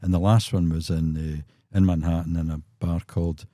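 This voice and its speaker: Brief: Glaswegian musician in his sixties, dark low voice, spins anecdotes and acts out quotes. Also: level tone, normal speed, no echo, clean studio sound. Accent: Scottish, Glaswegian. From Scotland. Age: 60s. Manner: chuckling raconteur, acts out quotes. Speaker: musician guest. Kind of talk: anecdotal storytelling in a podcast.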